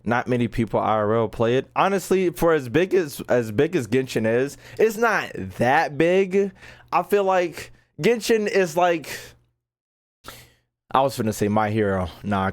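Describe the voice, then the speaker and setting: Here the livestreamer speaks in a mid-range voice, animated and at a moderate pace, while playing a game. He reads game text aloud with frequent stumbles and keeps up a slangy, profane running chat, repeating phrases emphatically.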